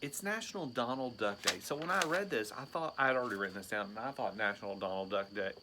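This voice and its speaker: A man's voice: on the low side, expressive, fast talker, background noise. A man in his thirties, a teacher co-hosting a casual chat show, teasing his co-host with joking banter.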